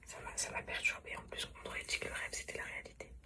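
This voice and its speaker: Whispering woman in a hushed morning vlog. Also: racing. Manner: hushed, confiding, rambling. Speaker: lifestyle vlogger. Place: at home early in the morning.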